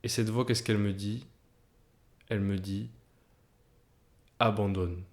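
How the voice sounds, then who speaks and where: A man's voice: lowish voice, flat delivery, normal speed, a little mellow. A man speaking straight to the viewer in a motivational storytelling monologue, addressing them directly and building tension through repetition. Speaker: video creator.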